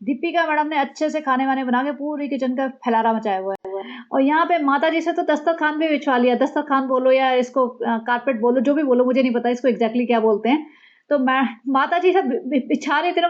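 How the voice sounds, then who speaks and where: A woman's voice: high voice, fairly quick. A woman giving chatty, sarcastic gossip commentary, recorded with a dull, lo-fi sound. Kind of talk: casual commentary.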